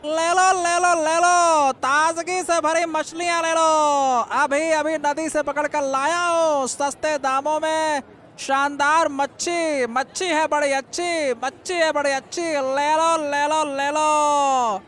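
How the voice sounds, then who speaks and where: A man voicing a boastful rival fish seller in a cartoon, with a sing-song sales pitch. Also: moderate pace, fairly bright tone, a faint crowd, a little hiss or hum. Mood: selling. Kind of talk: animated cartoon dialogue.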